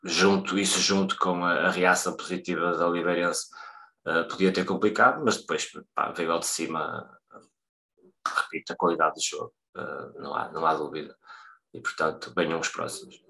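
Very deep-voiced Portuguese man, halting. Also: fairly even intonation, creaky, bright, forceful tone. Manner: halting, reflective, frequent restarts. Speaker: panelist. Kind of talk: casual podcast football analysis.

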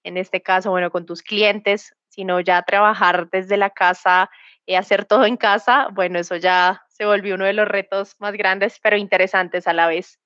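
A woman's voice: medium pitch, fairly even intonation, moderate pace, a bit bright, dry recording. Colombian woman, 30s, bogota accent, lots of um and restarts, dry muffled lo-fi sound. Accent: Bogotá Colombian Spanish. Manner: hesitant, many fillers and restarts. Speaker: guest. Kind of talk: conversational interview. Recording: dull lo-fi remote audio.

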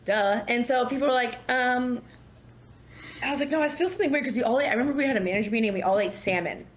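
Animated woman telling a story. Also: on the high side, fast talker. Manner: animated, acts out quotes, laughs often. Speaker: podcast guest. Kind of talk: casual storytelling.

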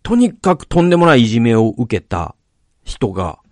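Animated man in relaxed podcast chat. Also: mid-range voice, normal speed, dry recording, studio quality. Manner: animated, rambling, often restarts his sentences. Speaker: podcast host. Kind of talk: casual chat about film acting.

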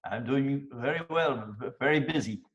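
An older man talks in a measured, unhurried way as a guest mentor, laying out his points one by one. His voice sits at an ordinary pitch for a man. The sound is dull and lo-fi. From Belgium. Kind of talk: casual interview talk.

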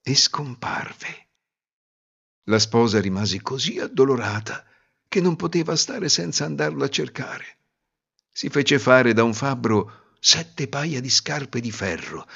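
A man narrating a fairy tale slowly and expressively, with a husky voice. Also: medium pitch. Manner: slow, expressive voicing. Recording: slightly muffled lo-fi recording.

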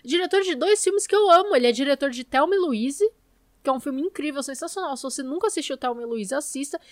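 A woman's voice: high-pitched, lively intonation, fast talker, no echo. A Brazilian woman co-hosting a podcast in casual film discussion, with an informal, opinionated and emphatic way of talking. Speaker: podcast co-host.

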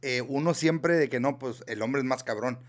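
A man's voice: medium pitch, normal speed. A man with a Mexican accent in a laid-back podcast conversation, reacting with short slangy exclamations and casual swearing. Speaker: podcast co-host. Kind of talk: casual chat.

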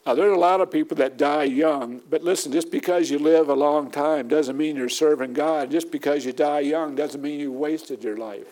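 A middle-aged man preaches to his congregation, pressing his points by saying them again and again. His voice sits a little higher than most men's. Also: moderate pace, hardly any pauses, darkish tone. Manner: emphatic preaching with repetition. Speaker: pastor. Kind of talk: sermon.

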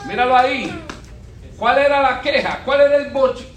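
A man's voice: extremely high pitch, normal speed, soft background music. A man preaching a sermon, quizzing his congregation with questions and repeating phrases. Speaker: pastor. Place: church sanctuary. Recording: echoey church room.

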